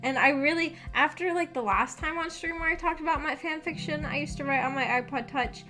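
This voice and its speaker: This woman has a high, bright, forceful voice and talks a little fast. She hosts a visual novel book club on her livestream, chatting casually and rambling to viewers in a hesitant, self-deprecating manner over background music.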